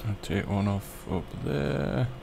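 A man giving relaxed, rambling commentary over a farming game, with lots of ums. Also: lowish voice, slow, gravelly, background noise. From Britain. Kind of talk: casual gameplay commentary.

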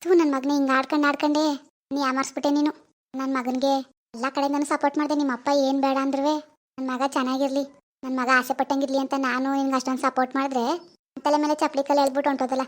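A woman voices a cartoon role: a furious middle-aged mother from a village, tearing into her son with rapid-fire insults and scolding. Her voice sits high with little pitch movement, and the acting is light.

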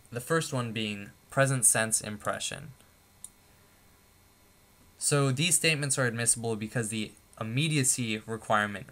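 A man presenting a tutorial lecture, explaining points in a steady, methodical way with a few fillers. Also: on the low side. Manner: steady, methodical, stepping through numbered points with occasional fillers.

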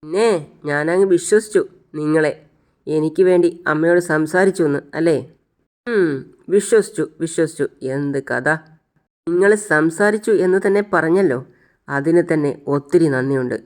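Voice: medium pitch, normal speed, pauses often, lightly acted. A storyteller voicing a young woman, forced into a marriage, who bitterly accuses her family in a sarcastic, resentful way.

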